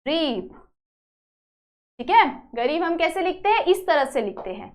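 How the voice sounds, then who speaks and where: A woman teacher explaining a grammar lesson step by step, often pausing to check that students follow. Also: extremely high pitch, sing-song. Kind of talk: classroom-style video lesson.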